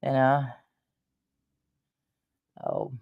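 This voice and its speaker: Woman, fifties, channel host; slow, meandering chat full of restarts, dry close sound. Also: dry recording, phone-quality sound. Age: 50s. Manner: meandering, with frequent hesitations and restarts. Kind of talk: rambling casual chat.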